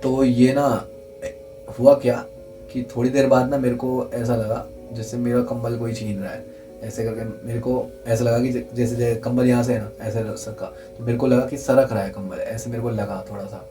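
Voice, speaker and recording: A young man earnestly telling a true scary story in casual chat, repeating himself for emphasis and dropping to a hush at the tense parts. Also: medium pitch, level tone, moderate pace, over music, rough recording.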